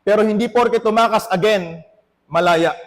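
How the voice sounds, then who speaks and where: A Filipino pastor with a notably high voice preaches to his congregation. He moves back and forth between Tagalog and English. His words trail off in the long reverb of a church hall. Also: moderate pace. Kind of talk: sermon.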